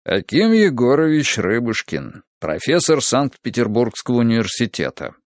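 A man voicing a stout, old-fashioned middle-aged male professor in an audiobook, speaking slowly and formally. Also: mid-range voice, very animated, dry recording, clean studio sound, natural voice.

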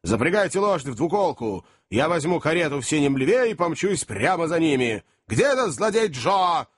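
A man voicing a stout, hot-tempered old male host who bellows and rages, with a husky voice. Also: on the high side, big pitch swings, normal speed, pitched above the performer's own voice. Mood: raging. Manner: bellowing, furious.

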